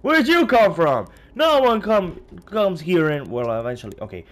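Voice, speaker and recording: A man reading a gruff veteran male space explorer aloud, folksy and teasing. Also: sits high, big pitch swings, normal speed, voice pushed up.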